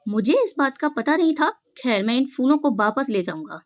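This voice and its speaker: A woman's voice: high-pitched, animated, normal speed. A woman reading the part of a polite, friendly young boy visiting a neighbor.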